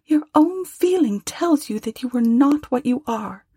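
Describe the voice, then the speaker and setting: A woman voicing a young woman who speaks softly and sorrowfully, gentle but firm, close to tears. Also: high voice, expressive, measured pace, no echo, pitched above the performer's own voice. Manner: soft, tearful, pleading.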